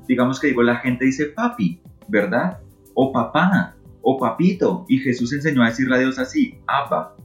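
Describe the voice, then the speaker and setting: A man speaking as an interview guest, talking earnestly and emotionally about faith and prayer, often repeating words for emphasis. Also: medium pitch. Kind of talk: reflective talk on faith and prayer. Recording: muffled recording with faint music. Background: faint music.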